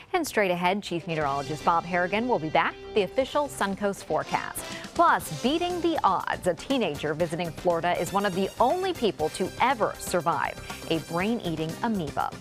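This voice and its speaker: A woman's voice: fairly low pitch, sing-song, fairly quick, soft background music. A woman reading scripted television news as an anchor.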